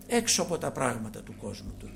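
A male preacher giving a sermon, dropping to hushed murmurs and then rising to loud, fervent exhortation. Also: medium pitch, sing-song, gravelly, noisy background.

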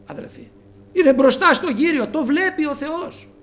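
Preacher, male, very high voice, earnest sermon delivery with soft and raised passages. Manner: earnest, addresses listeners as brothers, swings between soft and raised.

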